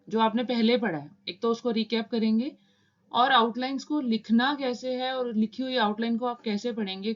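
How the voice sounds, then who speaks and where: A woman's voice: on the high side, lo-fi sound. A woman teaching a shorthand lesson step by step, patiently repeating each point and mixing English terms into Hindi as she explains while writing.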